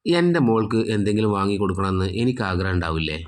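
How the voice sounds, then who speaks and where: A man's voice: fairly low pitch, big pitch swings, rapid-fire, a little hiss or hum. A man reading the lines of an estranged father who pleads and persists. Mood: coaxing. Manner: coaxing, persistent.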